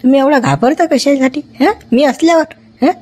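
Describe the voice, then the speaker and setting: A man's voice: extremely high pitch, fairly quick, a little mellow. A man playing a bossy village doctor. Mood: reassuring. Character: self-important young hospital doctor. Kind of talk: village comedy sketch acting.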